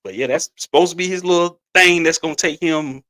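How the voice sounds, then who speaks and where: A middle-aged man co-hosts a podcast, chatting in a laid-back, rambling way with laughter. His brisk voice sits a little high, bright and sharp, and he often stumbles and restarts his sentences.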